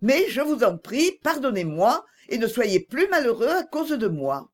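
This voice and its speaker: A woman reading an audiobook voices a young woman who is gentle but firm and pleads earnestly. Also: fairly high pitch, very animated, unhurried, voice pushed up. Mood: earnest pleading.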